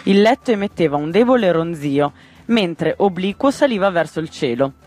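A man narrating a children's storybook in a gentle, measured way. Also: high-pitched, lively intonation, soft background music. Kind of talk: storybook reading.

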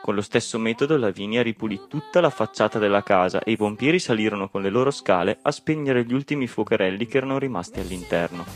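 A male narrator reads a children's storybook with lively expression. His voice sits on the low side. Soft music plays faintly underneath. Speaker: audiobook narrator.

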